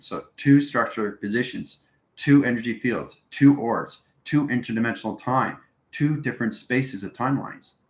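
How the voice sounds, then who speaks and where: Hosting a live-stream spiritual talk, a man with a low, slightly bright voice answers viewers in an echoey room. His explanation rambles and instructs, punctuated by frequent "okay" and "right" check-ins.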